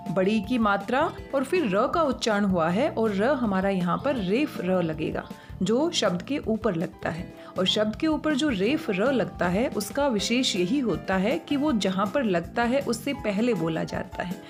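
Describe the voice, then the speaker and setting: Patient Hindi teacher woman, higher voice. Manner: patient, explains step by step, spells out sounds. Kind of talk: spelling lesson.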